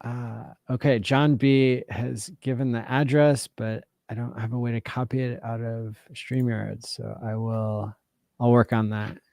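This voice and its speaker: Smooth, dry-voiced male stream host. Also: mid-range voice, measured pace, no echo. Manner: relaxed, with many fillers, thanking viewers. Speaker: livestream host. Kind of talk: casual livestream chat.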